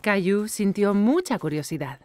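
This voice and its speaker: A woman's voice: medium pitch, animated, normal speed, a little mellow, no echo. A woman narrating a scripted children's cartoon story. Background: music.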